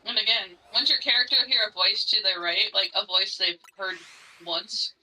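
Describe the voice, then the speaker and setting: A woman in a casual gaming chat, tossing in quick joking asides. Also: mid-range voice, pushed and bright, far from the mic, slight background noise, poor audio.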